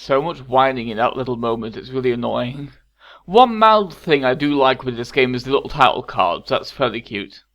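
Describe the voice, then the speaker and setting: Dry let's play host on a dull mic. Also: male voice, mid-range voice, lively intonation, moderate pace, a bit bright. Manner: dry, mildly critical. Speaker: gaming channel host. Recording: dull lo-fi microphone.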